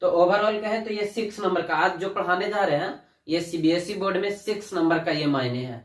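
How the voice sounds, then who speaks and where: A man's voice: sits high, brisk. A male teacher giving a classroom lesson, calling the students "child" and asking questions he then answers himself. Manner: addresses students as "बच्चा", asks and answers own questions. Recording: echoey room, distant mic.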